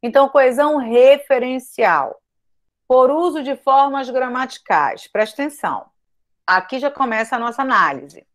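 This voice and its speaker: High-voiced woman teaching a grammar lesson. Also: lively intonation, normal speed. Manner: emphatic, repeats points, addresses students directly. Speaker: writing teacher.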